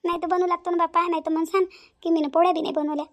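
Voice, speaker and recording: A woman's voice: very high-pitched, level tone, very fast, voice pushed up. A woman voicing a lazy, scheming young woman who fakes illness in a whiny, drawling voice. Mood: falsely offended.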